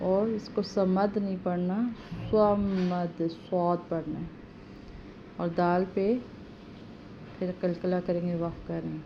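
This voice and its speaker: A woman teaching correct prayer recitation, chanting each verse slowly and then explaining it quickly and quietly. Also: on the low side. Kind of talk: tajweed lesson with slow chanted recitation. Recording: slightly dull audio with faint background noise.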